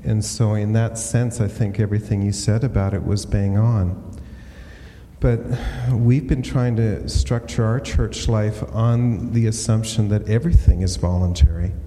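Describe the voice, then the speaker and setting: A male pastor answers a panel thoughtfully, in measured sentences with occasional fillers. His voice is low and very dark. Long hall reverb and faint noise surround him. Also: fairly even intonation. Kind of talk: panel discussion.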